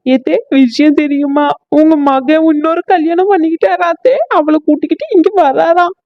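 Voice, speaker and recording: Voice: high-pitched, steady tone, moderate pace, dry recording, highs cut off, natural voice. A performer voicing a distraught, hot-tempered young daughter-in-law in a cartoon family comedy. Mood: tearful, panicked. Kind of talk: exaggerated cartoon comedy voice acting.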